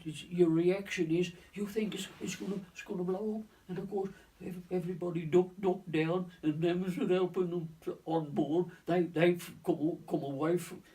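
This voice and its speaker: A navy veteran in his nineties recounts his wartime service in an oral history reminiscence, his voice gravelly, a little high, and dark in tone. He speaks haltingly, restarting and repeating words, and leans on stock phrases like "of course" and "lo and behold." He sounds distant from the mic.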